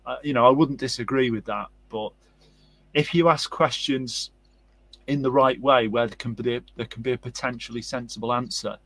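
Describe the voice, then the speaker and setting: A man's voice: mid-range voice, steady tone, moderate pace, a bit bright, no echo. Man hosting a casual interview. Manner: rambling storyteller, frequent affirmations. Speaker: host.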